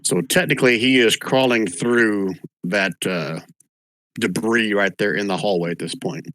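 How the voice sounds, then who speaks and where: A man's voice: fairly low pitch, a little slow, a bit bright, no echo. A man acting as game master, casually narrating and running a tabletop game.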